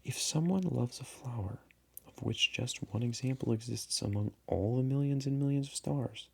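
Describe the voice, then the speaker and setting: A man's voice: mid-range voice, normal speed, creaky, darkish tone, breathy edge, pitched above the performer's own voice. A man voicing a small, earnest and indignant boy prince in a storybook reading, with insistent questioning. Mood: angry hurt.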